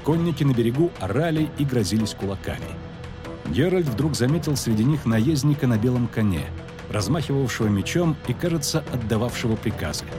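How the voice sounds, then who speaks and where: A man narrating a fantasy audiobook expressively, dropping low and quiet for tension. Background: faint background music.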